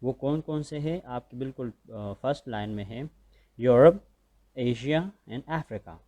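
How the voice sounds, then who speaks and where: Man, Pakistani accent, school teacher, recorded lecture, patient and repetitive, warm mellow tone. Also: medium pitch. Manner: patient, repeats points and checks understanding.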